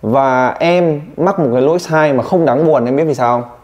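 A man teaching English pronunciation one-on-one, teasing and drilling his student with quick questions. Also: a little high, dull audio.

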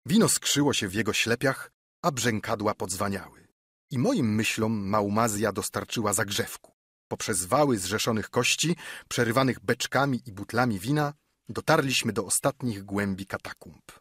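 A man reading a classic story as an audiobook narrator, with steady storytelling. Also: moderate pace, husky, no room sound, clean studio sound. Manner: steady storytelling, lifting pitch for quoted dialogue. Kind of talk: scripted narration.

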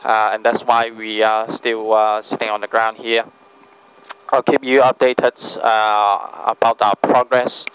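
A man's voice: lowish voice, level tone, unhurried, clear, resonant tone. A man making a formal, somewhat hesitant flight deck announcement to passengers as first officer. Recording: muffled cockpit PA with cabin hum.

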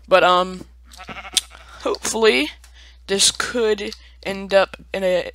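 A chatty young man narrates gameplay as a let's play gamer, his high voice bright and forceful. The casual commentary is self-mocking, with playful sing-song asides.

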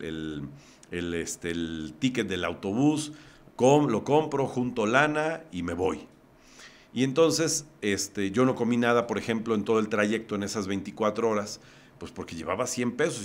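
A man's voice: on the low side, expressive, normal speed. Mexican man telling a life story. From Mexico, Puebla. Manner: vivid storyteller, recounts scenes step by step. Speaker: podcast guest. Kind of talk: personal storytelling in conversation.

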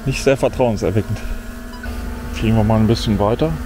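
A middle-aged drone vlogger with a fairly low pitch speaks fairly quickly over music while testing a drone in a forest. He mutters casual, mildly disappointed remarks to himself. Insects buzz audibly amid faint outdoor ambience.

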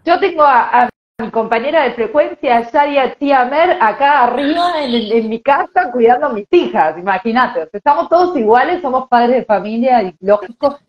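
A woman's voice: high voice, animated, normal speed. A woman hosting an interview, reacting eagerly with exclamations as she chats with her guest. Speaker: host. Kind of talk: interview chat. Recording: dull lo-fi audio.

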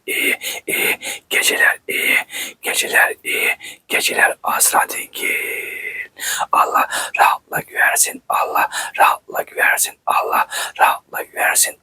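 A man whispering ASMR in a hushed, soothing way, quiet at night, repeating short phrases like a soft chant. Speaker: host of an ASMR channel.

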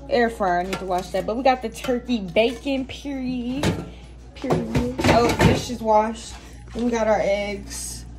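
Young woman, casual vlog talk, playful and joking, phone camera, clear background noise. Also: fairly high pitch. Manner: chatty, playful, self-mocking. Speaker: vlogger and TV anchor.

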